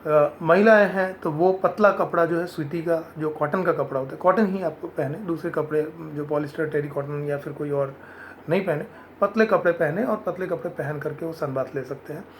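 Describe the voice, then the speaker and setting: A man's voice: fairly high pitch, normal speed, slight background noise. A man from India giving earnest health advice in an informal explanatory talk, slipping English phrases into his speech.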